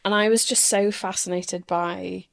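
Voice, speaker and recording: Creaky-voiced woman. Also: mid-range voice, steady tone, unhurried. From Swansea, Wales. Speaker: podcast guest. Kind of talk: casual interview chat.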